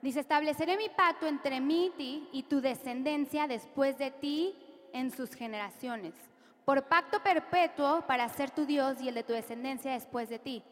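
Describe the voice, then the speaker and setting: Speaking at a moderate pace in a voice that sits high, this woman preaches with a Latin American Spanish accent, having the congregation repeat declarations after her. Music plays in the echoing church hall.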